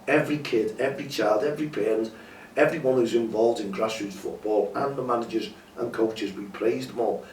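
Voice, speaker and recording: Speaking brisk and lowish, this campaign host delivers an impassioned, pleading appeal to camera, repeating himself often while congested from a cold and a sore throat. The distant mic picks up echo, faint ambient sound, and a touch of hiss or hum.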